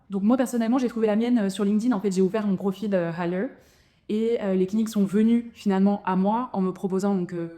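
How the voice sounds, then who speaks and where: Her voice is medium in pitch with a dark tone. She's a dentist in her thirties whose first language is French, casually telling the camera about her expat move, with frequent fillers and restarts.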